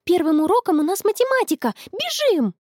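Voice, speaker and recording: A woman voicing an excitable, worried teenage schoolgirl in a storybook, talking high and fretful. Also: normal speed, no room sound, studio quality. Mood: worried, eager.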